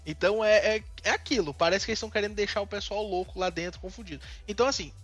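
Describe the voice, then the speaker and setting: A man from Northeast Brazil co-hosts a casual commentary chat, his high, slightly bright, and slightly rough voice racing over soft background music. He is talkative and airs indignant, strong opinions, with many restarts.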